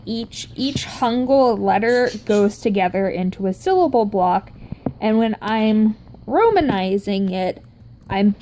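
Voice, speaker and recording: A woman talks slowly and loosely, explaining things in a chatty, self-interrupting ramble. Her voice is mellow and dark, never sharp. A faint background noise runs under the recording. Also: mid-range voice. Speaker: vlogger explaining Korean writing.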